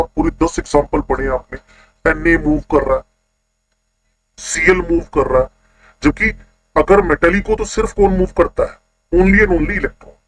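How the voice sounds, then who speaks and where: A man teaching a chemistry class online, constantly quizzing his students with quick questions. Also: on the high side, low-quality recording.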